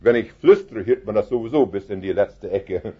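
A man preaching an evangelistic sermon, fervent and penetrating, dropping soft and then rising to loud emphatic cries. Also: fairly low pitch, moderate pace, breathy edge, highs cut off.

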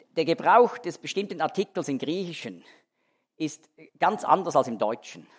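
Animated, emphatic Bible teacher, man. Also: high-pitched. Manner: emphatic, explanatory, with frequent restarts. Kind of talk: expository sermon.

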